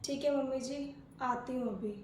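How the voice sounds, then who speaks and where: A woman playing a polite, quiet, dutiful young daughter-in-law who speaks softly in a family skit. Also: high-pitched, moderate pace, slight background noise, close to an everyday voice. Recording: echoey room.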